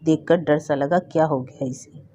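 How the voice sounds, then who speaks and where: A woman narrating a short story aloud in an expressive storybook reading. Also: low voice, normal speed, a little hiss or hum. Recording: dull lo-fi recording.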